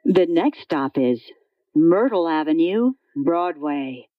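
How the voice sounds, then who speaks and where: Woman's slow recorded train announcement. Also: sits low, expressive, no echo, muffled recording. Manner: slow, clear, measured delivery. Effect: recorded train station announcement. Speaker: transit announcer. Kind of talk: prerecorded transit announcements.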